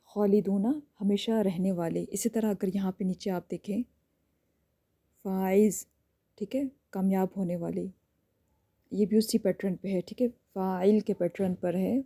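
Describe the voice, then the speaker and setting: A woman teaching an online lesson, explaining step by step and checking in often with a quick "okay". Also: medium pitch, creaky, mellow.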